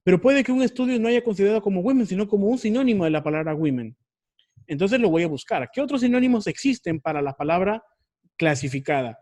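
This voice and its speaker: A man's voice: high voice, expressive, fast, a little mellow. A man teaching an online research class, explaining step by step and often repeating or correcting himself.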